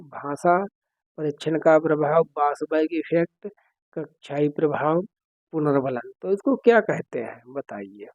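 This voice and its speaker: A man with a somewhat high voice teaches an exam-prep lesson. He explains each question step by step and keeps checking that his students follow. The recording is dry and close, with a slightly dull tone. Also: darkish tone, no room sound.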